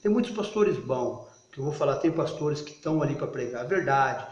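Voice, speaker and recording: A man's voice: medium pitch, lively intonation. Impassioned man preaching in an echoey room. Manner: impassioned, rising to loud emphatic bursts; halting, frequent restarts. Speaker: lay preacher. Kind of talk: informal video sermon. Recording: echoey, muffled recording.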